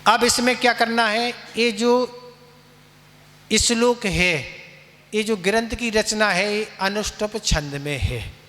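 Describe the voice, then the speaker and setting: A man's voice: high-pitched, pushed and bright. A man teaching Sanskrit pronunciation and chanting verses line by line, patiently asking questions and answering them himself. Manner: patient, asks and answers his own questions; slow drawn-out chanting with repeats. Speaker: Jain monk teaching scripture recitation. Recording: long hall reverb.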